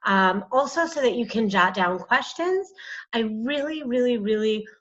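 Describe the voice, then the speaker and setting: A woman's voice: a little high, expressive, measured pace, a bit bright, dull audio, slight background noise. A woman coaching doulas through a worksheet in a casual, earnest video talk, full of fillers and pleading asides. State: shivering from cold. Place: indoors, cold room.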